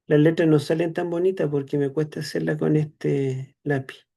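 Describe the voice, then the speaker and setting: A Chilean man lectures on scripture to an online class. His voice sits a little high and has a gravelly edge, and he explains slowly, filling pauses with "eh" and checking in with tag questions. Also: steady tone, dark tone. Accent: Chilean Spanish. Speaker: seminary teacher.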